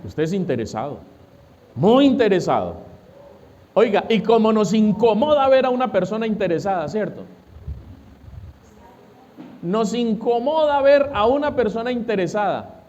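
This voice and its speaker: Pastor preaching, high voice, muffled lo-fi sound, asks and answers his own questions. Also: very animated, normal speed, pauses often, darkish tone. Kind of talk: sermon.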